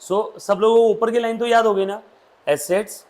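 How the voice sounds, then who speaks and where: A man's voice: high voice, steady tone, unhurried, a little mellow. A man, teaching accountancy to a classroom and drilling students with questions. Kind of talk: classroom lecture.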